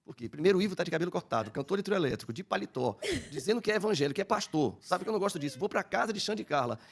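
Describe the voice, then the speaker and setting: Talking very fast in a high-pitched voice, an older Brazilian-accented man tells his personal testimony as a podcast guest. His storytelling is animated, and he acts out the people he quotes.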